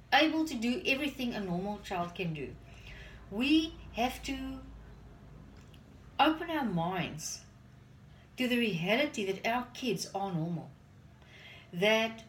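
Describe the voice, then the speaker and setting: A woman in her forties, native in Afrikaans, vlogs about parenting from her home kitchen, talking earnestly to a phone camera on the counter while she does chores. Her mid-range voice often circles back on repeated words as she hunts for the right one. The rough recording has a little hiss or hum.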